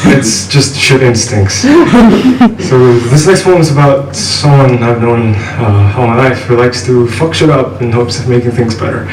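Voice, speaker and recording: A man's voice: medium pitch, lively intonation, unhurried. A young man from Nepal performing spoken word poetry at a live student event, with a rhythmic, intense and wry delivery. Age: young adult. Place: live venue with an audience. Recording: echoey room from a distance, noisy.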